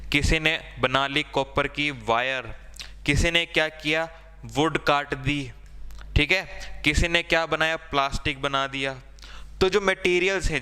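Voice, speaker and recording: A man's voice: medium pitch, sharp tone, clean tone, long reverb tail. A man teaching a science lesson. He speaks conversationally, asks his students' questions aloud, answers them himself and keeps checking in with them. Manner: conversational, repeats "theek hai" to check in. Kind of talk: board-exam science lesson.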